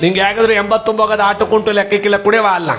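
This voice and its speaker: Man voicing a calm commanding god-saint. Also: sits high, fast, faint music behind. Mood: coaxing.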